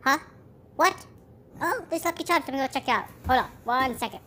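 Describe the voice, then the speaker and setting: A woman voicing an excitable magic unicorn girl who talks in wildly swinging, squealing outbursts. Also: sits high, quick pace, slight background noise. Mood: thrilled.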